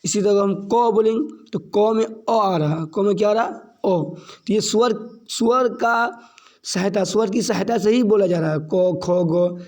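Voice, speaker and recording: Slow, high-voiced man teaching grammar. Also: darkish tone. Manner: repeats points and asks questions he answers himself; slow and deliberate, stressing key terms. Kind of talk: classroom grammar lesson.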